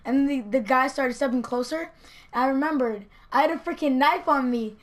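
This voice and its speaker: A teenage vlogger telling a story casually and acting out the quotes with lively energy. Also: female voice, high-pitched, normal speed. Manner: animated, acts out quotes.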